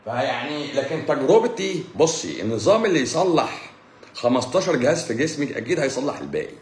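A man's voice: medium pitch, sing-song, quick pace, echoey room, a little hiss or hum. A man with an Egyptian accent chatting casually on a livestream, teasing his viewers and laughing often. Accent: Egyptian Arabic. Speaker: livestream host answering viewers. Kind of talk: casual joking livestream chat.

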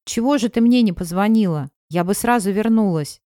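A woman's voice: mid-range voice, normal speed, warm tone, dry recording, studio quality, close to an everyday voice. A woman voicing an anxious, self-justifying woman friend talking on the phone in an audiobook. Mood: tearful.

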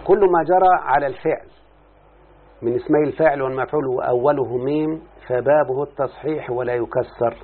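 A man's voice: mid-range voice, fairly quick, a little hiss or hum. A man teaching a grammar lesson, often stopping to question and address his listener. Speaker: teacher of Arabic morphology. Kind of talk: classroom lesson explaining a text. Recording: muffled phone-like lo-fi sound.

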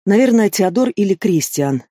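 A hot-tempered young werewolf girl, as a male narrator puts her on with his voice lifted somewhat higher. She sounds fiery and indignant, and the reading is dry and close to the mic. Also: animated, moderate pace, warm tone, dry recording. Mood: flustered. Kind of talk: audiobook character voice.

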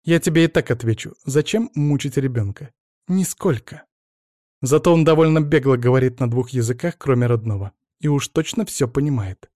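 A man reading an audiobook, voicing a middle-aged woman who is sharp, ironic and cutting with her husband. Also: mid-range voice, normal speed, dry recording, studio quality, close to an everyday voice. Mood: stern. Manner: cutting, mocking.

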